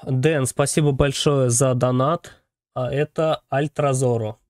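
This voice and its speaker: A man's voice: mid-range voice, fairly even intonation, measured pace, a little mellow, dry recording, clean studio sound. A man commentating live on a fighting game tournament as an announcer, in short, clipped play-by-play calls full of gaming jargon. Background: game music.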